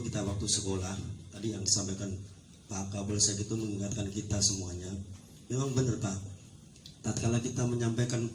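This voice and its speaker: A man who is a neighborhood unit head and a teacher, earnestly putting a question to a police officer at a community meeting. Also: lowish voice. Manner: earnest, repeatedly addresses the officer as Pak. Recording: echoey room with clear background noise.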